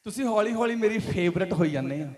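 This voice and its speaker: Punjabi-accented male pastor, very high voice, emphatic repetitive sermon delivery. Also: animated, quick pace, a little mellow. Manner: preaching with rising emphatic questions and repetition. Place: church hall.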